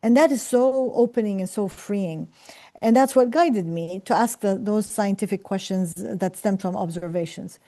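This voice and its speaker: A middle-aged woman talks to students about purpose in an earnest, reflective way. Her voice is mellow and warm, and she often pauses on fillers and restarts her sentences. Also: mid-range voice. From Palestine. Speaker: professor and scientist. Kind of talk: career talk to students.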